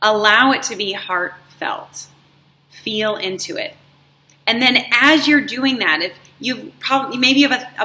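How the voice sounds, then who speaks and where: A woman hosting a motivational talk for her viewers, her voice bright and forward. She speaks encouragingly and lingers on the words she wants to stress. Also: a little high. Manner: warm, encouraging, drawn-out emphasis on words. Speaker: life coach and show host. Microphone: live stream setup.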